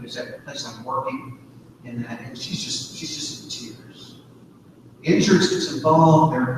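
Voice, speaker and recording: A man's voice: on the high side, noisy background. A man teaching a sermon to a men's group, storytelling in a conversational way with frequent fillers. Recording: echoey hall, distant mic.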